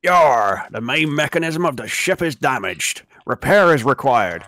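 A man's voice: medium pitch, big pitch swings, unhurried, pushed and bright, heavily acted. A man putting on a blustery pirate sailor. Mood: gruff.

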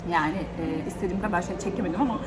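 A woman vlogging casually to a handheld camera, ranting in an animated, exasperated way while she walks around a small shop. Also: fairly low pitch, very fast. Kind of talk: casual vlog talk to camera. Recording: noisy ambient background.

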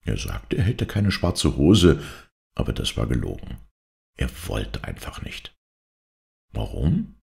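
A man reading a grotesque short story aloud as narrator, telling it expressively with dramatic pauses. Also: very deep voice, wildly swooping pitch, creaky, darkish tone. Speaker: story reader. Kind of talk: scripted narration.

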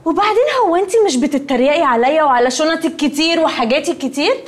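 A woman's voice: high voice, quick pace, natural voice. A woman playing a snobbish rich young Egyptian woman. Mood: haughty. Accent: Egyptian Arabic. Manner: haughty, dismissive, drops English words. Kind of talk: TV sitcom acting.

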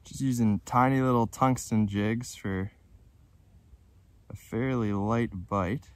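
A man's voice: medium pitch, steady tone, takes it slowly, no room sound. A young man chatting casually outdoors on a frozen lake, explaining his fishing with easygoing enthusiasm to a nearby camera. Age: young adult. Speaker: fishing vlogger. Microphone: camera on the ice nearby.

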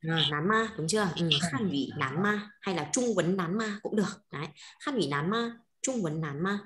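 A woman's voice: on the low side, lively intonation, a loud crowd. A woman with a Northern Vietnamese accent teaching a language class, patiently checking in with her students. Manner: patient, keeps checking with quick questions. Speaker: Chinese teacher. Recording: roomy echo.

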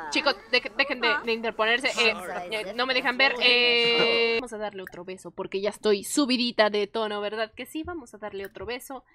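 A woman giving casual, dramatic and jokey commentary while playing a life-simulation video game. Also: high voice. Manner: animated, dramatic, jokey, playful outbursts. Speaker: gaming youtuber. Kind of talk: casual let's-play commentary.

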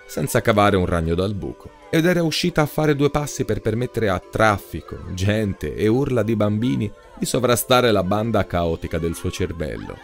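Guy reading a fairy-tale style story, lots of lift and fall in his voice, soft music under it. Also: fairly low pitch, big pitch swings, normal speed, hardly any pauses. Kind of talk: scripted narration of a short story.

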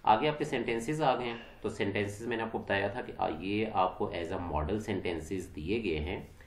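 In a low voice, a man teaches an exam-prep English lesson, mixing English terms into his explanations and posing questions he then answers himself. The room is echoey.

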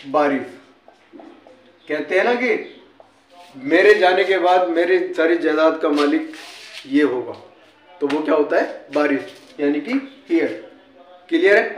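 A man with an Indian accent explaining English words like a teacher, often asking a question and answering it himself. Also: a little high. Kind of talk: casual classroom-style explanation. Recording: echoey room.

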